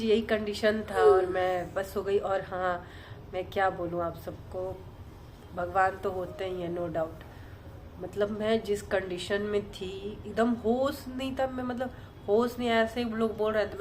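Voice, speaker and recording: A woman vlogger telling a personal story in a casual, rambling way, softly and with many fillers and restarts. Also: medium pitch, slight background noise.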